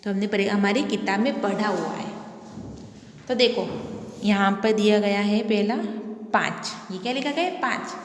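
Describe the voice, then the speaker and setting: A woman's voice: medium pitch, normal speed. A woman teacher going over a revision worksheet with children, asking questions and answering them herself in a patient way. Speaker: school teacher. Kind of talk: online lesson going through a worksheet. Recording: echoey room with long reverb.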